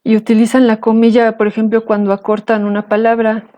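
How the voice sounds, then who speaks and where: A woman teaching a language lesson, explaining slowly and carefully, pronouncing example words. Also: fairly high pitch, completely flat delivery, muffled recording. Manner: slow, careful, patient explanation.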